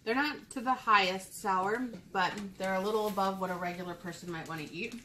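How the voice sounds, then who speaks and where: A woman's voice: mid-range voice, brisk, sharp tone. Woman in a roomy, noisy home recording. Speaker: mother co-hosting a candy review with her child. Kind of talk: casual chat with a child. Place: indoors at a table in a home room.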